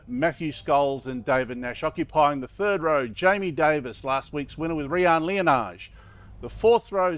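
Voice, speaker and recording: A man's voice: a little high, fairly bright tone, clear, resonant tone. A man calling a motor race live as a commentator, running through drivers and the action.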